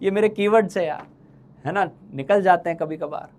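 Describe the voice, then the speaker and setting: Man, high voice, chemistry teacher, teasing, repeats questions, live online lecture. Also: brisk, a little mellow. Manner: teasing, calls students playful names.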